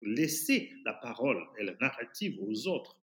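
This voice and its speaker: Speaking French with a foreign accent, an animated man, an activist appearing as a podcast guest, talks with passion in an interview. His medium-pitched delivery is emphatic but halting as he searches for words, and the recording sounds roomy and echoing.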